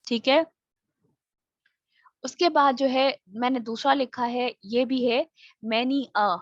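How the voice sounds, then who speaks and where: Woman with a Pakistani accent, online grammar teacher, bright high voice, dry dull call audio, patient explainer. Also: takes it slowly, no echo. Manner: explains patiently, mixing in English phrases. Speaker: English teacher. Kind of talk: online class lecture.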